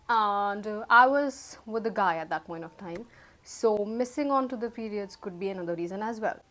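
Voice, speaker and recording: A woman's voice: mid-range voice, fairly bright tone. A young woman, chatting casually to camera. She fumbles her words and laughs at herself. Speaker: YouTube vlogger. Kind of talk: casual chat to camera, mixing Hindi and English.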